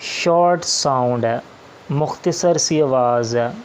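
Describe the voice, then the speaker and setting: A man's voice: mid-range voice, takes it slowly, slight background noise. A man teaching shorthand step by step, patient and repetitive, often opening with "ji". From Pakistan. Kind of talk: slow step-by-step classroom explanation.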